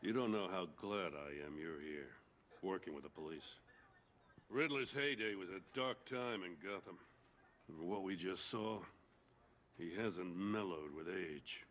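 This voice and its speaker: Gordon, low-voiced veteran police commissioner. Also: male voice, a little slow, fairly bright tone, slight background noise. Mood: weary, grim. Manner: world-weary, plain-spoken. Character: gruff veteran police commissioner, weary, loyal, indignant. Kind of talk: dramatic video game acting.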